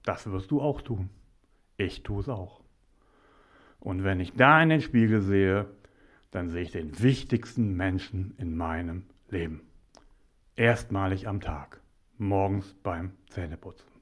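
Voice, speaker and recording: A man who works as a mediator and coach speaks to the viewer in a motivational talk, his voice sitting low. He talks deliberately and sinks to a whisper when he wants emphasis.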